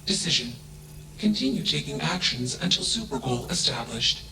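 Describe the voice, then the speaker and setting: A man voicing an emotionless, coldly logical male AI machine in a video game. He speaks flatly and announces each thought with a one-word label. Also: on the high side, normal speed, vocal fry, slight background noise, full character voice, rough recording.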